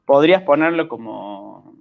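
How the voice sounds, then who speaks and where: A male programming teacher with an Argentine Spanish accent, explaining patiently in an online class and often checking understanding with quick questions. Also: mid-range voice, animated, creaky, phone-quality sound.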